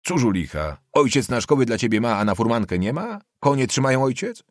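A man playing a haughty young nobleman who questions in a hoarse, commanding, mocking manner, in an audiobook reading. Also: mid-range voice, big pitch swings, fairly quick, dry recording, studio quality, voice pushed up, close to an everyday voice.

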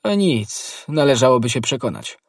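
A scheming stranger in a cloak asking curt, probing questions in an audiobook tale, as a man reads him. The husky voice sounds dry and close. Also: mid-range voice, big pitch swings, normal speed, no echo, recorded from a distance, pitched above the performer's own voice.

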